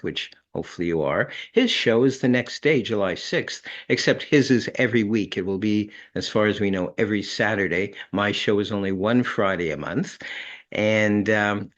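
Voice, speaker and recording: Effusive low-voiced male show host, dull audio. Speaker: host of an online magic show. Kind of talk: show hosting, introductions.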